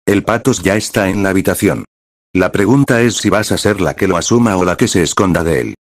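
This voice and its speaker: A man voicing a blunt, sharp-tongued young waitress in an audiobook. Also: low-pitched, no echo, studio quality. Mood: brusque. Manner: blunt and quick.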